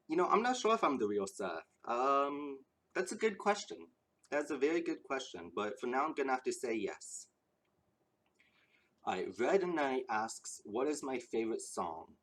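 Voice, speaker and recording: Slightly winded, he fields questions from viewers in an easygoing chat, eager and sincere, wandering through his answers with restarts and ums. His mid-range voice has a somewhat bright tone.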